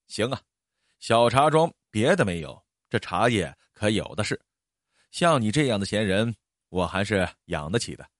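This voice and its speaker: A proud middle-aged tea merchant in a spoken storybook, put on by a male narrator. He talks curtly and wheedles when he wants something. The voice sits a little lower than the narrator's own, recorded dry and close. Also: sing-song, normal speed, no echo. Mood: scornful. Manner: curt, later wheedling apologetic.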